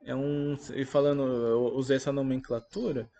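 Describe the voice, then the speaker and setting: A Brazilian Portuguese-speaking man giving a halting, earnest and reflective spoken testimony about a personal religious experience. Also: mid-range voice, flat delivery, warm tone, a little hiss or hum. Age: adult parent.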